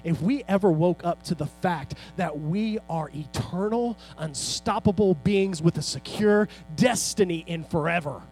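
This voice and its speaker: A middle-aged man preaching a sermon as pastor in a church, building to loud, fervent peaks and then dropping low and soft. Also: unhurried, hardly any pauses, soft background music. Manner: preaching with rising shouts and sudden soft drops. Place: church sanctuary.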